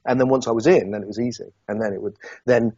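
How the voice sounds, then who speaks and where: A man's voice: lowish voice, quick pace, slightly rough, no echo, lo-fi sound. A middle-aged man from Somerset, England, a guest in an interview, talking reflectively and hesitantly, with many restarts. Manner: hesitant, many restarts, animated when recounting.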